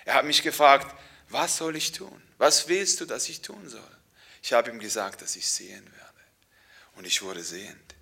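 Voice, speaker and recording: An older blind beggar tells of his outcast life, as a preacher puts him on, earnest and raw. He cries out loudly and then sinks to a whisper. The voice is very bright and slightly high. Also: sing-song, moderate pace, creaky, breathy edge, heavily acted.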